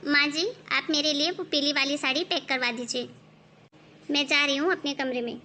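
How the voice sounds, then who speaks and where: A woman's voice: high-pitched, fairly even intonation, moderate pace, bright, forceful tone, a little hiss or hum, pitched below the performer's own voice. A woman voicing a proud, suspicious elder daughter-in-law who looks down on her younger rival. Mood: haughty. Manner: haughty, suspicious, gossiping.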